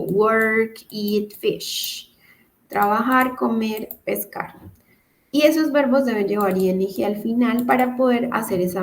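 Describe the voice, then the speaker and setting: A woman teaching English grammar in Spanish over a video call, explaining rules patiently step by step and often checking that students follow. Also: fairly high pitch. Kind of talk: online class explanation.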